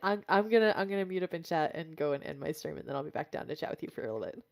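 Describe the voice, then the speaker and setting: Woman, slightly low voice, teasing, playful, casual livestream gaming chat. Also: racing. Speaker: livestream gamer.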